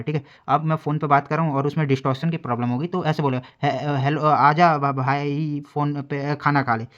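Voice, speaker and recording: A man teaching an exam-prep lecture at a middle pitch. He walks through each point with plain everyday examples and fills his pauses often. The recording is a little dull and lo-fi. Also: darkish tone. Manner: explains in simple everyday examples, many fillers. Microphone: recording alone at a desk.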